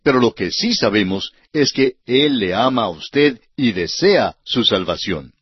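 Husky-voiced man teaching a radio Bible study. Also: mid-range voice, expressive, measured pace, no echo, lo-fi sound. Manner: earnest, addresses the listener directly.

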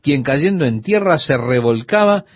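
A man's voice: fairly high pitch, a little slow, breathy edge, no echo, muffled recording. A man teaching the Bible for radio listeners, telling a story and voicing the people in it. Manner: lively storytelling, voicing the people in his anecdote.

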